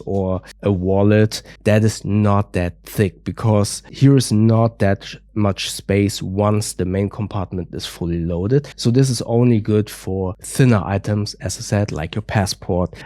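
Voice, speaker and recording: Reviewing products with a cold-stuffed nose, a man speaks in a dark voice on the low side, methodical and careful, frequently softening points with "a little bit." There's no room sound, just clean studio audio.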